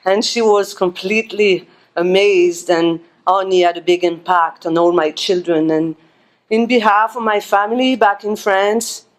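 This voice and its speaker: A woman giving a personal memorial tribute, pausing often with fillers. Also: mid-range voice, fairly even intonation. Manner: halting, many fillers. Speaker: memorial speaker.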